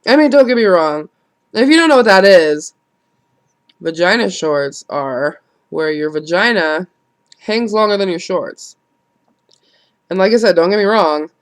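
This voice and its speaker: Nasal and stuffed up with a cold, a woman in her late twenties talks candidly in her vlog, cursing and chuckling at herself. She speaks on the low side with lively intonation, a little slowly, leaving long pauses.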